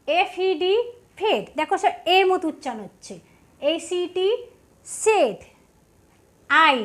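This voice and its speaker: High-voiced woman teaching spelling. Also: fairly bright tone. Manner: sounds out letters slowly, stressing each sound. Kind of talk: patient step-by-step tutorial.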